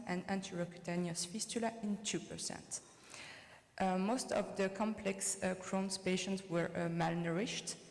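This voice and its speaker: French-accented woman surgeon, conference talk, boomy hall. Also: darkish tone. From France. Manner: reads formally, hesitant with fillers when answering. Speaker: surgeon presenting research. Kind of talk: conference presentation. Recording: echoey conference hall reverb.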